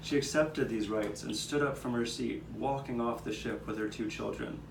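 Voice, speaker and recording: Performing outdoors in a courtyard, a man narrates a live puppet show as a neighborhood eyewitness, recounting history in the first person. His voice is mid-range with vocal fry, at a moderate pace. The capture is noisy, distant and roomy.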